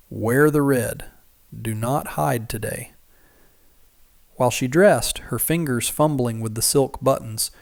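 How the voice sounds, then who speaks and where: A male narrator telling a frontier tale in a measured, even way, at a middle pitch. The sound is dry and close, with no trace of room. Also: no room sound. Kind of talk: scripted story narration.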